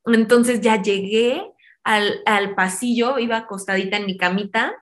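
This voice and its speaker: A woman in her twenties with a Mexican Spanish accent speaks as an interview guest at a middle pitch. She tells her story animatedly and slips into the voices of the people she quotes. Her speech is full of affectionate diminutives. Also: steady tone, unhurried, a bit bright. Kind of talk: casual personal storytelling.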